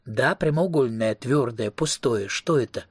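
A husky-voiced man voicing an eager, bossy young female vampire in an audiobook reading. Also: mid-range voice, a little slow, dry recording, clean studio sound. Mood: coaxing. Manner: coaxing, teasing.

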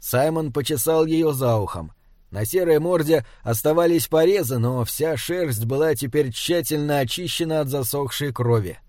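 A man narrating a fantasy audiobook in a steady, even reading style. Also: a little high, normal speed, dry recording, clean studio sound. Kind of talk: scripted narration.

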